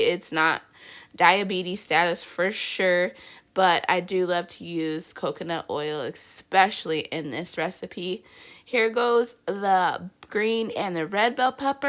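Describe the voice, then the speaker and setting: A woman with a blocked-up, congested voice of medium pitch and fairly bright tone talks viewers through a home cooking video she hosts. Her casual vlog narration is upbeat and chatty, sprinkled with plenty of "y'all."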